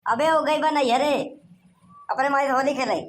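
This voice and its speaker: A woman's voice: sits high, moderate pace, natural voice. A woman voicing an easygoing young village man in a cartoon, with an Awadhi accent and a chatty, teasing manner. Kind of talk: cartoon voice acting.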